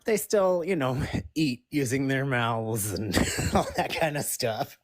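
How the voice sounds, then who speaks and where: A woman's voice: rumbling low, expressive, slow, no echo. Dry-sounding woman author in casual interview. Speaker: fiction author being interviewed.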